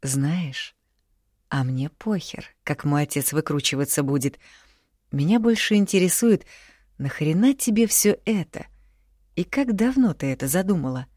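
A woman reading the lines of a coarse, domineering young man in an audiobook, curt and loud. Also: low-pitched, lively intonation, measured pace, no room sound, studio quality. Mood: barely restrained.

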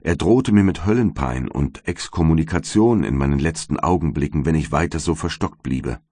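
A man's voice: extremely low pitch, animated, normal speed, warm tone, dry recording, clean studio sound. Man reading as Justine, a weeping condemned young maid. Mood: despairing. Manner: tearful, imploring. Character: condemned young servant woman, weeping and devout.

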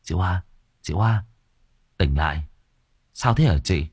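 A man's voice: low voice, animated, slow, darkish tone, breathy edge, no room sound, clean studio sound, heavily acted. A man voicing a firm male construction foreman who speaks in a commanding way.

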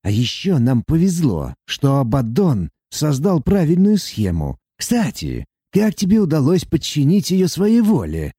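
A man's voice: a little high, wildly swooping pitch, a little slow, hardly any pauses, warm tone, slightly rough, no echo, clean studio sound, pitched above the performer's own voice, exaggerated voice. A man doing Andro, a gloomy demon dwarf. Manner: gloomy, matter-of-fact. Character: puny big-headed male demon dwarf, gloomy and dry.

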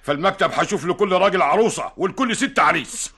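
An actor playing a blustering, exasperated office boss in an Egyptian Arabic radio comedy, bossy and sputtering. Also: male voice, high voice, animated, quick pace, pushed and bright, slightly rough, heavily acted.

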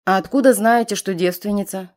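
A woman's voice: mid-range voice, brisk, darkish tone, natural voice. A woman voicing a stern male chieftain who speaks in a clipped, authoritative way in an audiobook. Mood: commanding.

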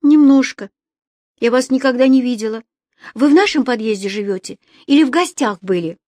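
A frightened young schoolgirl, put on by a woman reader, squealing and begging in a high, strained voice. Her pitch jumps far above the reader's own. The sound is dry and close. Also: animated, moderate pace, darkish tone, dry recording. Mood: pleading. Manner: panicky, squealing, pleading. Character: terrified young schoolgirl, jittery and shrill.

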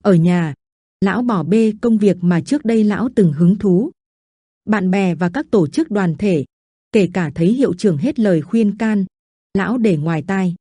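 Woman, storyteller, scripted narration, steady reading, mellow warm tone, dry close recording. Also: mid-range voice, moderate pace, slightly rough, no room sound.

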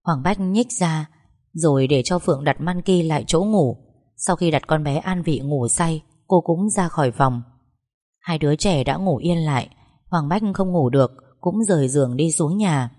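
Woman reading a story aloud, low voice, calm and steady. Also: moderate pace. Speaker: narrator. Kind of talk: audiobook story narration.

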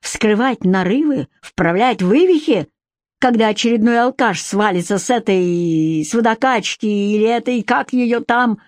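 A jealous adult husband full of contempt, mocking and snapping in anger, as a woman reader puts him on. The delivery is unhurried, and the sound is dry and close, with no room around it. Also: sits high, no echo, pitched above the performer's own voice. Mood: scornful.

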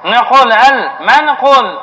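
A man's voice: very high-pitched, lively intonation, measured pace, sharp tone. A man, a sheikh, giving a classroom lesson on Arabic grammar. He asks his students questions and then answers them himself. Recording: dull lo-fi lecture recording with faint hiss.

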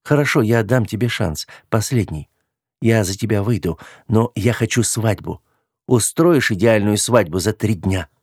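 A man's voice: fairly low pitch, normal speed, a little mellow, slightly rough, dry recording. A man reading the part of a proud, hurt young woman with a cutting, scornful way of speaking, in a dry, close recording. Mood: demanding.

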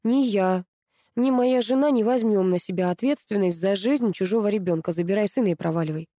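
A woman's voice: mid-range voice, brisk, mellow, dry recording, studio quality, natural voice. A woman reading aloud, voicing a stern middle-aged school director who speaks curtly and sarcastically. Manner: curt, cold, sarcastic.

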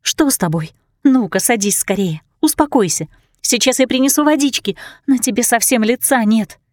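A woman voicing a gentle young princess, worried and soothing. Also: a little high, expressive, normal speed, no echo, studio quality, voice pushed up. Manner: anxious, soothing.

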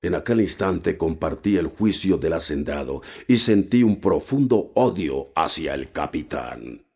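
A man reading a novel aloud as narrator, steady and measured with occasional hesitations. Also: a bass voice, vocal fry, slightly rough. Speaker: audiobook narrator.

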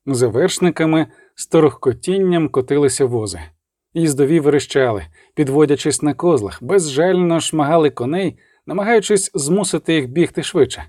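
A man narrating an audiobook in a steady dramatic reading. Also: a little high, moderate pace, no room sound, clean studio sound. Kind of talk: scripted narration.

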